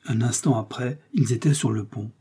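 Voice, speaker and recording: A man reading a classic novel aloud as an audiobook narrator, measured and steady. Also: mid-range voice, slightly rough. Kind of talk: scripted narration.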